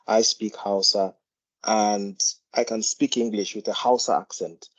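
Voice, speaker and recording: Man, Nigerian accent, low voice, informal discussion, halting explanations with repeated words. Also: fairly even intonation, fairly bright tone. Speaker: GP doctor, meeting participant.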